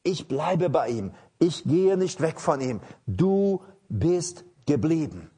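A man preaching a charismatic sermon to a church that is also streamed online. He swings between loud, fervent calls and low, intimate speech. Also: very animated, slow, breathy edge.

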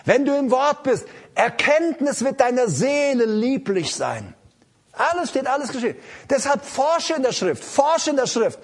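A man's voice: very high-pitched, sing-song, unhurried. A man preaching an emphatic sermon to a congregation and repeating his key lines. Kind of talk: live sermon.

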